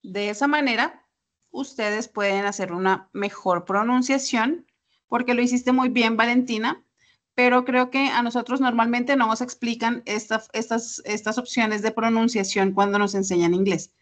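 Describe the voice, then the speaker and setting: A woman's voice: on the high side, steady tone, normal speed. A woman, teaching English pronunciation in an online class, patiently explaining step by step with examples over a video call. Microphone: computer mic on a video call.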